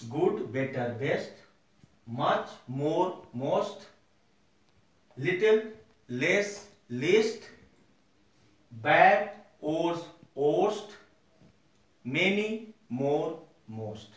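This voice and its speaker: A man gives a grammar lesson with a high, animated voice, going slowly and repeating each point for his students. He sounds distant from the mic, with strong room echo around him. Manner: slow, repeats points for the class. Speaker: teacher.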